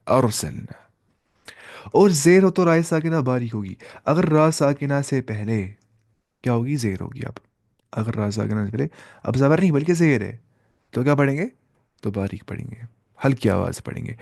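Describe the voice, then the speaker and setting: A man's voice: mid-range voice, creaky, darkish tone, dry recording, clean studio sound. A man teaching Quran reading in a class. He puts questions to the class, answers them himself, and repeats and stretches out sounds to demonstrate them. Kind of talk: classroom lesson.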